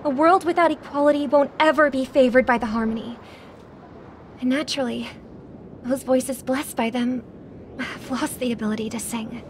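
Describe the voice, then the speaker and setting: An actress voicing a graceful young singer, speaking softly and earnestly in a video game. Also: female voice, high-pitched, normal speed, a little hiss or hum, lightly acted. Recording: game audio with music behind.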